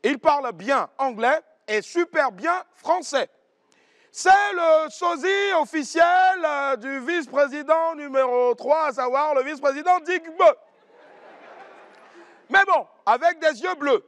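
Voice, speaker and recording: A man announcer introducing a comedy show and its performers in a slow, formal way. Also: very high voice, no room sound. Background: loud music.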